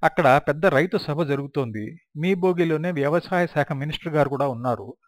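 A man voicing a burly male district revenue officer who calls out loudly and respectfully in an audiobook. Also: on the high side, a little fast, no room sound, clean studio sound, close to an everyday voice. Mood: deferential.

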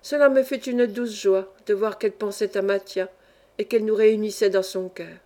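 A woman audiobook reader narrating a classic novel in a measured, expressive storytelling manner. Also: medium pitch.

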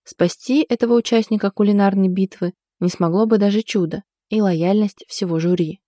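A woman narrates an audiobook from a script in a dark, mellow, mid-range voice at a moderate pace. The studio sound is clean with no echo.

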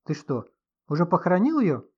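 A man's voice: fairly high pitch, expressive, moderate pace, lo-fi sound, pitched above the performer's own voice. A man doing a fretful old lady writer. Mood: outraged. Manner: fretful, squealing when scared. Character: nervous elderly woman writer, fussy and easily frightened.

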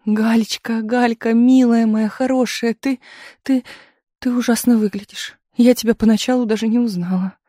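A reader voicing a tearful, excitable young actress Taisia, speaking in high, breathless exclamations in a dry studio recording. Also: normal speed, no echo, close to an everyday voice.

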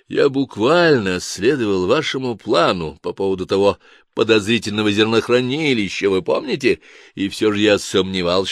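A man's voice: lowish voice, vocal fry, no room sound, clean studio sound. A man voicing a fussy, overly friendly chief of guards with a nasal voice, gushing and evasive in an audiobook. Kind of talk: audiobook character voice.

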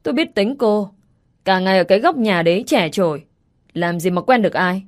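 A woman's voice: medium pitch, expressive, brisk, lightly acted. A woman voicing a smug, mocking ex-husband. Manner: sneering, mocking.

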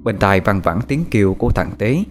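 Lively, low-voiced male storyteller. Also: fairly quick. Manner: lively, dramatic delivery. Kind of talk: scripted narration of a horror story. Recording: soft background music.

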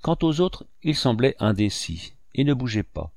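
A man narrating a novel in the first person with a measured storytelling delivery. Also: medium pitch, sing-song, creaky, a little mellow, no room sound, clean studio sound. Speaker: audiobook narrator. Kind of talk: scripted narration.

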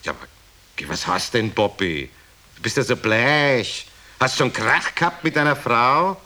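A man's voice: mid-range voice, expressive, a little slow, bright, forceful tone. A man voicing a chatty, curious aristocrat who keeps prying with eager questions. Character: chatty curious Viennese aristocrat friend, middle-aged man. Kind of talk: comedy record joke telling.

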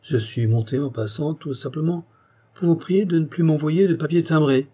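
A man's voice: on the high side, normal speed, dark tone, breathy edge, voice pushed up. A man voicing a proud, penniless young nobleman who answers with sarcasm. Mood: mocking. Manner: sarcastic, haughty retorts. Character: proud mocking young nobleman, broke debtor.

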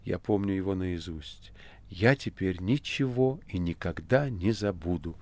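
A man's voice: low-pitched, animated, unhurried, a little mellow. A man voicing a weary male writer. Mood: quiet, weary.

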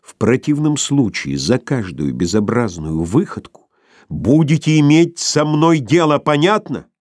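A man's voice: medium pitch, big pitch swings, unhurried, darkish tone, no echo, studio quality, voice pushed up. A man reading an audiobook voices a stern young doctor who speaks in a hard, commanding tone. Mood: menacing. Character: stern young male doctor, iron-willed. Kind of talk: audiobook character voice.

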